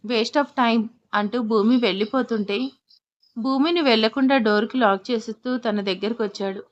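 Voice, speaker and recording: A woman narrating a romantic family audio story in an expressive, scripted way, switching between narration and character voices. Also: fairly high pitch, moderate pace, highs cut off.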